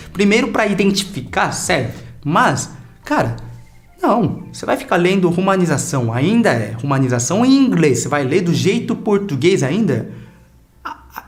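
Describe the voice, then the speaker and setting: A man teaching a casual online language lesson, chatty and lively, drilling sounds for learners to repeat. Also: high voice, brisk, faint music behind.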